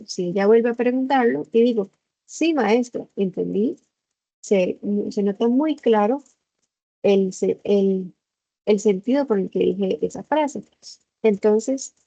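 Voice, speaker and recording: A woman's voice: mid-range voice, gravelly, mellow, no echo. A woman teacher giving a patient online class from her computer, acting out short examples. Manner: patient explaining, acts out examples. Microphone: computer microphone. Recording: muffled video-call audio.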